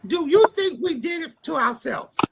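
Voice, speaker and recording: A woman's voice: high voice, lively intonation, moderate pace, vocal fry, noisy background. A woman hosting a casual live panel, putting questions to guests and steering the talk. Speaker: host.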